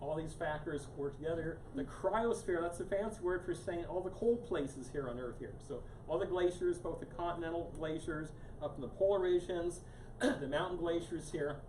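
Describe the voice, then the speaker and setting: This is a man guest-lecturing on climate science to a small crowd in a meeting room, his rather high voice sounding distant and echoey over steady background noise. At a moderate pace he rambles casually, starting sentences over and leaning heavily on "here."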